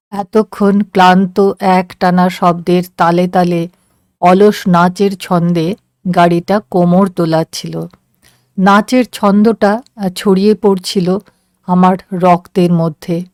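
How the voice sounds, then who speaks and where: A woman narrating a story in a slow, measured, soft voice. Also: on the low side, steady tone, dry recording, studio quality. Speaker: story reader.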